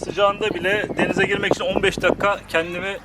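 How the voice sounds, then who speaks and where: A man's voice: high-pitched, level tone, fast. A man chatting casually outdoors, a little away the microphone. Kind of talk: casual chat. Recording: loud outdoor noise, distant voice.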